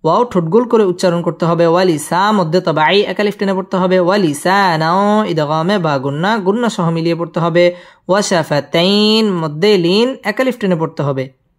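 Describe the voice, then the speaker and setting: A man's voice: sits high, moderate pace. A man teaching Quran recitation, spelling each word syllable by syllable and explaining the pronunciation rules.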